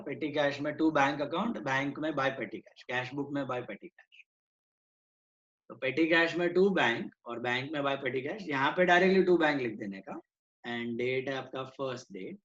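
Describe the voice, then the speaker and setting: Slow-talking man teaching an accounts class. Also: mid-range voice, a bit bright, dull audio. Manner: mixes Hindi and English, quizzes students. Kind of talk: online class lecture.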